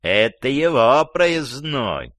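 A man's voice: mid-range voice, very animated, a little slow, fairly bright tone, dry recording, studio quality. A man voicing an angry, sarcastic man, a jealous lover, in a read-aloud story. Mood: mocking, angry. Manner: sarcastic, gloating.

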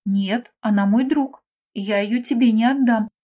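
A woman's voice: on the high side, normal speed, dark tone, close to an everyday voice. A woman voicing a brave little girl in a children's storybook, earnest and determined. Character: brave little girl protecting her friend.

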